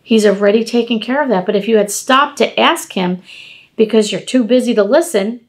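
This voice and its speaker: A woman in her fifties giving an informal devotional talk at home, animated and conversational, speaking to the camera from across a table. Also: a little high, normal speed. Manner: animated, gesturing, conversational preaching. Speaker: devotional podcast host. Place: home dining room, indoors.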